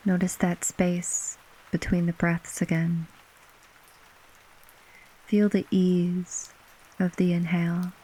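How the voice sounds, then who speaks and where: A woman narrating a bedtime sleep story as guided relaxation, gently and unhurriedly, with long pauses between short phrases. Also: fairly low pitch, husky, poor audio. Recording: steady rain ambience behind voice. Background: rain falling.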